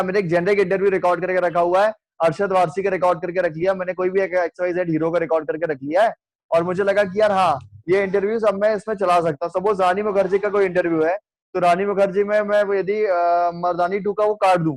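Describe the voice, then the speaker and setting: Fast, high-voiced man lecturing a class. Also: dry recording, low-quality recording. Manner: explains with hypothetical examples, asks the class questions. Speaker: radio teacher.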